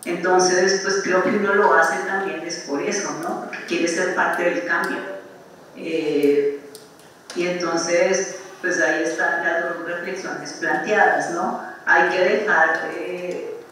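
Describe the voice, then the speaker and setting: Male lecturer, notably high voice, conversational with frequent tag questions, recorded far off in a very reverberant room. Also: a bit bright. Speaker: speaker at an architecture lecture. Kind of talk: informal lecture reflection. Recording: distant, very echoey room, faint noise.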